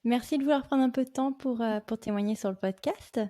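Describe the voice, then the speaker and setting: A woman hosts a podcast, opening with a short intro and then questioning her guest in a friendly way. Her voice is fairly high but mellow and soft-toned. She often pauses on fillers as she asks. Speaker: podcast host. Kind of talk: interviewing a guest.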